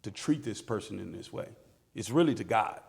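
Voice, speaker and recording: A man's voice: fairly low pitch, animated, a little fast, gravelly, darkish tone, slightly rough. A man who is a pastor and co-host, talking casually and playfully, often jumping in with questions. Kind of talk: casual conversational discussion.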